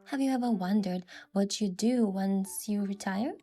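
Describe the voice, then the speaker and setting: A woman speaks at normal speed in a warm, medium-pitched voice, narrating a game event story in the first person with scripted, acted dialogue. She is the story's lead character, and music plays behind her.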